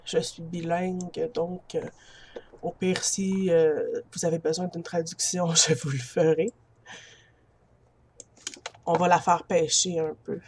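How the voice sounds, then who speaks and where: A woman's voice: on the low side, little pitch movement, slow, pauses often, a little mellow, slight background noise. A woman with a Quebec French accent giving casual commentary over a video game. She chats to her viewers, laughs easily and talks into a built-in computer mic. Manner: chatty, addresses viewers as friends, laughs easily. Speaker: gamer.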